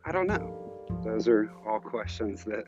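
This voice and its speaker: A man's voice: fairly low pitch, lively intonation, unhurried, highs cut off, music in the background. A man in his thirties telling a personal story on his podcast, candid and reflective with many restarts, slightly out of breath from walking outdoors. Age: 30s. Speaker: podcast host. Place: outdoors on a walk.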